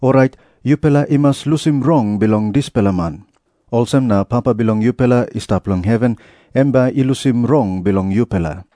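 A man's voice: medium pitch, fairly quick, warm tone, no echo, studio quality, close to an everyday voice. Papua New Guinean man acting an authoritative religious teacher. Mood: earnest teaching. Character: authoritative male religious teacher, earnest and admonishing. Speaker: voice actor in dramatised scripture reading. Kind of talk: dramatised scripture reading in Tok Pisin.

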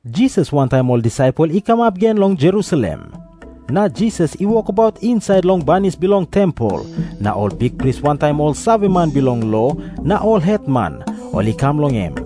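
A man's voice: a little high, big pitch swings, normal speed, mellow, faint music behind. A man with a Papua New Guinean accent narrating scripture as a scripted story.

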